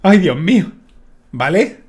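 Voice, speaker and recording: Excitable gamer, wildly swinging pitch. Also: male voice, slow pace, over loud music. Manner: excitable, swears a lot, jumps from mutters to loud shouts. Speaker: gaming YouTuber. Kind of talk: Minecraft let's play commentary.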